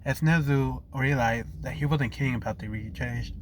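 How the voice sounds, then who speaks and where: Losing his voice, a man improvises the narration of a fan story, halting, restarting and correcting himself frequently. His voice sits in the mid range, and some background noise can be heard.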